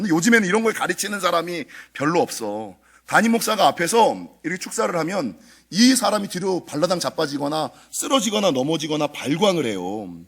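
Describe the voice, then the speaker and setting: A middle-aged male pastor preaching a dawn prayer sermon. His voice sits high for a man and leaps across a wide range as he tells the story. He brings the story to life by acting out the dialogue. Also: a bit bright. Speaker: senior pastor.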